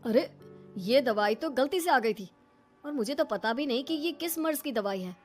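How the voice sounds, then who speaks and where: A woman voicing a firm, sensible older father in an animated story, talking in a reassuring way. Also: high voice, moderate pace, soft background music.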